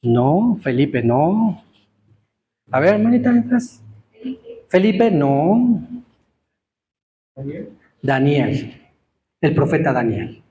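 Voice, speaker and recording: A man giving an interactive Torah teaching to a live congregation, quizzing listeners and stressing words slowly. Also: on the high side, big pitch swings, mellow, slight background noise.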